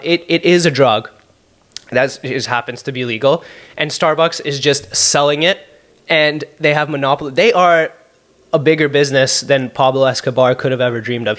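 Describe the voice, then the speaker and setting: A man's voice: a little high, fairly bright tone. A young man from Canada with a Canadian accent, hosting a solo podcast Q&A from his apartment in a rambling, jokey, sarcastic way. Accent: Canadian English. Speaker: podcast host. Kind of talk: solo podcast Q&A, casual chat. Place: apartment room at home.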